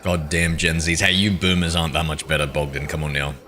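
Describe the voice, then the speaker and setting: A man's voice: a bass voice, little pitch movement, brisk, bright, forceful tone. A man, a game streamer chatting casually and bantering with his chat as he reads it aloud. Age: 30s.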